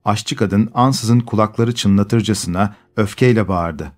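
A man reading a classic short story aloud in measured, scripted narration. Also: on the low side, a little mellow, faint music behind. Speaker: audiobook narrator.

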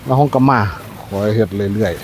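A man's voice: lowish voice, fast, a little mellow. A man with an Isan northeastern Thai accent giving a casual market tour, hyping cheap prices and repeating phrases to viewers. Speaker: market vlogger. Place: outdoor roadside market. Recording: noisy outdoor market with passing vehicles.

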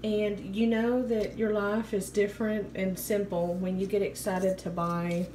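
Filming a haul on her handheld phone indoors in a home kitchen, a vlogger in her thirties from America talks in a relaxed, chatty way. She has a mid-range, flat voice and an unhurried pace, with room noise clearly audible behind her.

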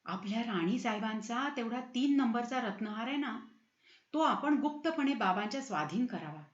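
A woman's voice: fairly high pitch, expressive, normal speed, reverberant, highs cut off, close to an everyday voice. A woman voicing a scheming young woman who pleads and coaxes her lover in a storybook reading. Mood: coaxing. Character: scheming young woman, sweet-talking and tearful.

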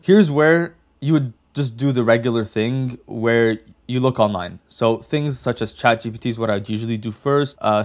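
A young man hosting a casual coding tutorial, chatty and direct, often saying "like" and "okay". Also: medium pitch. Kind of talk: casual screen-share tutorial.

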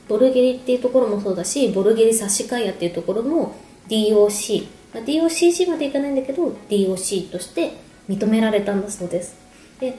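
Music plays in the background of an echoey room at home, where a woman in her thirties explains wine casually to camera between sips and snacks. Her voice is mellow and on the high side.

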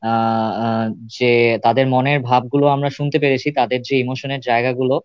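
A man's voice: medium pitch, level tone, brisk, clean tone, no echo, highs cut off. A young man co-hosting a student radio show, earnest and full of filler sounds. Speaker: radio co-host.

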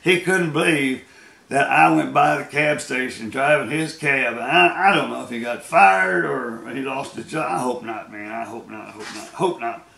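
An American storyteller with a gravelly, sharp-toned, mid-range voice tells rambling road stories at a normal speed. His manner is casual and folksy, and he often laughs as he goes. The room is echoey.

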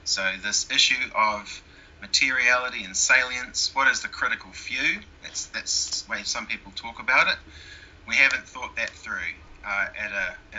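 A man with a New Zealand accent appears as a guest in a conversational interview, talking casually in a medium-pitched voice that sounds pushed and bright. The recording has a dull, lo-fi quality.

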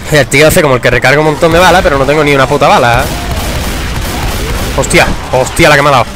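Excitable young gamer, swearing. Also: male voice, on the high side, fast talker. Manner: excitable, swearing, bursts into shouts. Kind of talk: casual gameplay commentary. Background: game music.

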